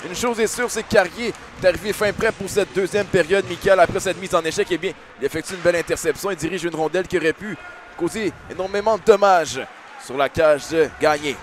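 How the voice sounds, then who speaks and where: A man with a Quebec French accent doing excited sports commentary as a hockey analyst, in explanatory, wordy phrasing. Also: high voice, brisk, slight background noise.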